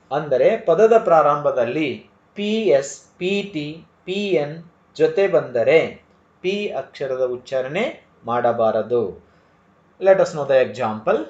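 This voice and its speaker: Kannada-accented guy teaching english, super slow and careful, bit high voice, echoey dull recording. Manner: slow, deliberate, repeats each word, mixes English and Kannada. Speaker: English tutor. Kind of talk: slow spoken English lesson. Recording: echoey room, dull lo-fi sound.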